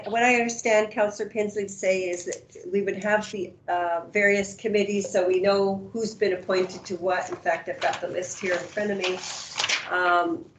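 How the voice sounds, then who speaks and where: A woman speaking as the chief administrative officer in a council meeting, measured, formal and procedural. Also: mid-range voice, little pitch movement, a little hiss or hum.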